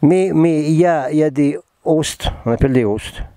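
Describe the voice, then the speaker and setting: A man's voice: a little high, moderate pace, dark tone, no room sound. Rambling, jokey man. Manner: jokey, self-mocking, rambling with many restarts. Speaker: spiritual channeler hosting a talk. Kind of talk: casual spoken talk mixing reading and asides.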